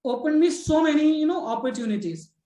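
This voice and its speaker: A Hindi-speaking woman with an Indian English accent hosts a casual spoken English discussion, her voice a little high but dark in tone, with lively intonation and a brisk pace. She is chatty, full of fillers and restarts, and keeps checking in with her guests. The room has a clear, echoey ring.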